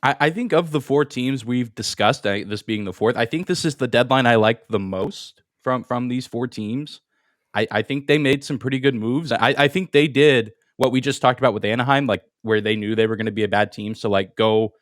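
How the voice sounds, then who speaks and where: A man with a mid-range voice co-hosts a sports podcast, recorded cleanly in a studio without echo. Chatting casually, he hedges and often repeats the first words of his phrases as he thinks aloud.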